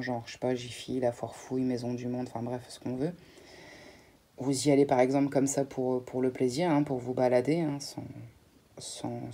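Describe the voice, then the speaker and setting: Mellow-voiced chatty woman vlogger. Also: extremely low pitch, slight background noise. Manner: chatty, addresses viewers, frequent fillers and restarts. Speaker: beauty vlogger. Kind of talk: casual unboxing chat.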